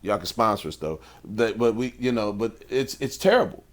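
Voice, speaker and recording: A man co-hosting a casual podcast who talks in a relaxed, colloquial way and repeats phrases for emphasis. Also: fairly low pitch, normal speed. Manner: affirming, with lots of "yeah" and "mm", repeating his own phrases for effect. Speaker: podcast co-host.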